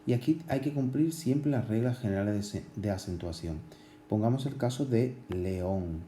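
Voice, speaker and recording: A man teaching grammar at a board, explaining slowly with many pauses, fillers and restarts. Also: lowish voice, dark tone, reverberant, a little hiss or hum. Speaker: Spanish language teacher.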